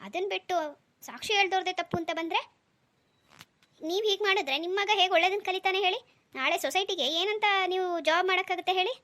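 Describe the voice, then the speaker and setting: A woman voicing a gentle young stepmother in a cartoon, talking in an earnest, pleading way. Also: very high-pitched, quick pace. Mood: firm. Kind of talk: cartoon dialogue.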